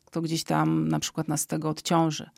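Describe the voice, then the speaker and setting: Low, creaky-voiced woman explaining calmly. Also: normal speed, no room sound, clean studio sound. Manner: calm and explanatory, often ends points with a questioning "tak?"; frequent hesitation fillers. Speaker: psychology expert guest. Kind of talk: explanatory interview answers.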